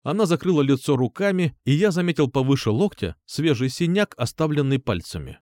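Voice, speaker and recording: A man's voice: on the high side, very animated, fairly quick, darkish tone, no room sound, clean studio sound. A man narrating an audiobook in the first person, reading expressively.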